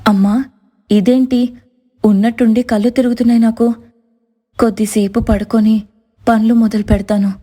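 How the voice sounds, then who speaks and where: Soft-spoken devout young wife, a woman voicing her, cartoon, gentle and pleading. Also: on the high side, flat delivery, normal speed, long pauses, natural voice. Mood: prayerful. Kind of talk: cartoon voice acting.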